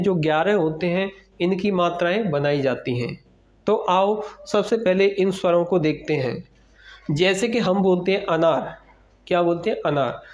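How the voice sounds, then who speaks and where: A man teaching young children their letters, unhurried and deliberate, asking a question and then answering it himself. His voice sits high for a man, and the recording sounds dull and lo-fi. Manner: asks questions and answers them himself, repeating each sound. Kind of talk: Hindi alphabet lesson for children.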